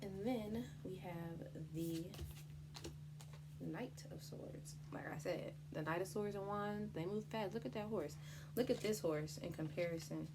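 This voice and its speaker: A woman's voice: mid-range voice, unhurried, heavy background noise. A woman giving an unscripted tarot explainer in a chatty, informal way, with slang and free swearing. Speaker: tarot reader presenting a tutorial.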